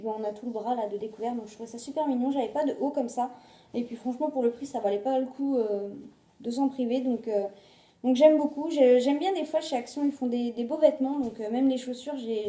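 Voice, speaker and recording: High, dark-toned French-speaking woman vlogger. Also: roomy sound. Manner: chatty, hesitant, many fillers and restarts. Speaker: beauty and shopping vlogger. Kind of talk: casual haul video. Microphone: phone on a glass on a table.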